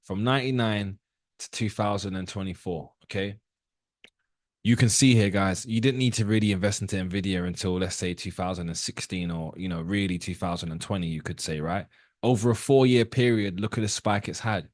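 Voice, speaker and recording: Teaching trading on a live call, this man in his thirties has a low voice and talks fairly quickly. His style is casual and direct, he frequently questions his viewers, and the studio-quality recording has no room sound.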